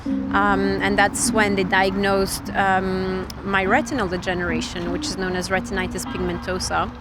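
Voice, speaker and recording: Soft music plays beneath this reflective documentary interview with a tech reporter, a Swiss woman in her 30s whose first language is French. She speaks at a moderate pace in a mid-range voice, her delivery completely flat.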